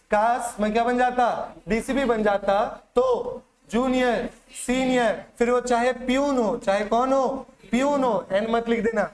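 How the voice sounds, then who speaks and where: Man teaching a class, quizzing students. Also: extremely high pitch. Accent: Chhattisgarh Hindi. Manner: drills students with repeated questions and mnemonics. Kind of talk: classroom lecture with call-and-response drills.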